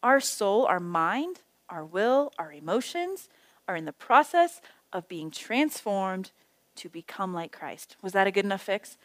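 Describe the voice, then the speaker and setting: A woman's voice: medium pitch, big pitch swings, unhurried, no echo. A middle-aged woman teaching a small Bible study group in a chatty, self-deprecating way, telling stories with side remarks. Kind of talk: casual teaching talk. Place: small indoor group meeting.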